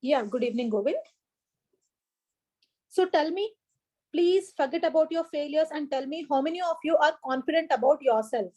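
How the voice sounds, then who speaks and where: Through a rough recording from a laptop or headset mic, a high, dark-toned female voice with lively intonation speaks at normal speed, leaving long pauses. She's an exam coaching teacher with an Indian English accent, leading a live online class, greeting students by name and repeating key points encouragingly.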